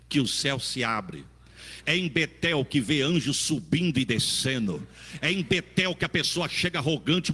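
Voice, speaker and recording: Fervent preacher. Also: male voice, fairly high pitch, big-room sound. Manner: fervent, folksy preaching with swings from loud to quiet. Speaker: pastor. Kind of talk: sermon.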